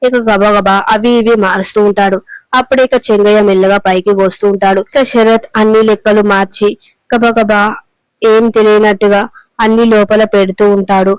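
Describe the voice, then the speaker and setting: A woman narrating a recap of a television serial with steady, repetitive storytelling. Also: medium pitch, normal speed, smooth, dry recording, poor audio.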